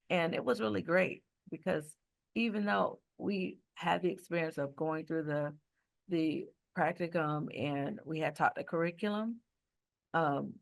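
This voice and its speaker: A woman teacher speaking on a panel, recounting her experience in a relaxed, thorough way over a video call. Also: fairly low pitch, gravelly. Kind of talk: panel discussion.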